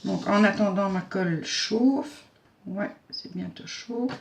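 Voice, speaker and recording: A woman's voice: medium pitch, slow, gravelly. Chatty woman teaching crafts. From Belgium. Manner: chatty and homely, narrating each step while working, with frequent fillers; self-mocking humor. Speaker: craft tutorial host. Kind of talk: casual step-by-step craft tutorial.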